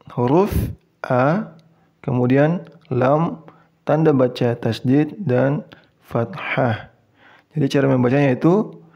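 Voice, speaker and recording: A man teaching Quran reading step by step, with an Indonesian accent, who speaks patiently, repeats each example and chants the key words drawn out and louder. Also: mid-range voice, muffled recording. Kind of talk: slow step-by-step tutorial.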